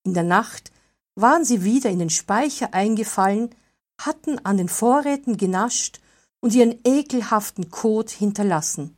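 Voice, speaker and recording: A woman calmly reading a fairy tale aloud as narrator. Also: medium pitch, normal speed. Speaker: storyteller.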